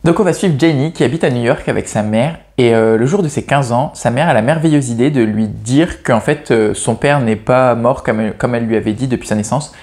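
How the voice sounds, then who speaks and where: A man's voice: medium pitch, a little mellow. A man reviewing novels in a casual, chatty way, often restarting his sentences and poking fun at himself. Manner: hesitant, frequent restarts and self-corrections; chatty and self-mocking. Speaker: book reviewer. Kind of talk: casual chat about novels.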